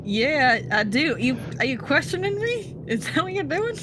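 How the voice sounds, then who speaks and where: Woman doing dry skeleton outlaw in a tabletop game, mid pitch, hesitant, noisy background. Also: animated, normal speed, natural voice. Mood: indignant. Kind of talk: tabletop role-play. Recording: noticeable background noise.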